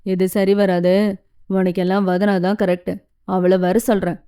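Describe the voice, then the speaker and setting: A friendly young man teases lightly in a mellow, easy voice, as a woman narrator voices him. He talks in a relaxed, breezy way. It is audiobook reading. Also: lowish voice, moderate pace, voice pushed down, close to an everyday voice. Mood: teasing. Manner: teasing, breezy.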